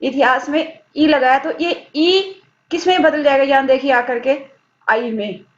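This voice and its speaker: A woman teaches a grammar lesson in a fairly high voice and speaks very slowly and deliberately. She asks her pupils questions and then answers them herself. The audio is dull and lo-fi. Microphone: screen-recorded lesson.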